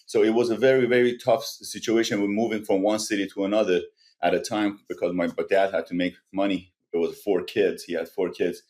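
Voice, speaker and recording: Low-voiced Iranian-born man telling his story. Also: flat delivery, a little mellow. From Iran. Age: 40s. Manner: earnest, halting, with frequent restarts. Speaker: guest. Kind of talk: personal story in a podcast interview.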